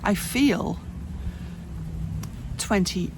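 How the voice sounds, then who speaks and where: A fifty-eight-year-old woman talks candidly in a personal vlog from a hot room at home, rambling and often restarting or correcting herself. Her mid-range voice has lively intonation but moves very slowly, with background noise audible.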